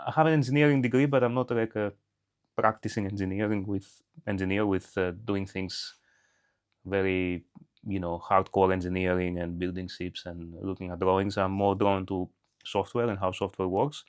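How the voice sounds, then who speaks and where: A man's voice: deep voice, steady tone, normal speed, clean tone. A middle-aged man from Greece, a podcast guest talking in an unscripted way, thoughtful and hesitant with many restarts. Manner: reflective, hesitant, frequent restarts.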